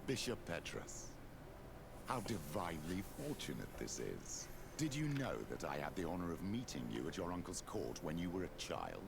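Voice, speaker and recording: An old bishop in a video game, low and gravelly, fawning and flattering with a faint sneer. His pitch rolls up and down with ingratiating warmth, and loud noise sits under the game audio. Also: normal speed, heavily acted. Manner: smooth, flattering, faintly condescending.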